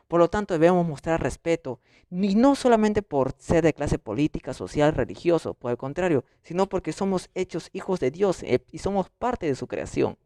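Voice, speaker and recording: A man's voice: high voice, darkish tone, no echo, studio quality. Man reading a theology summary. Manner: reads from notes, lists points one by one. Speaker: theology student presenter. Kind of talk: read-aloud study summary.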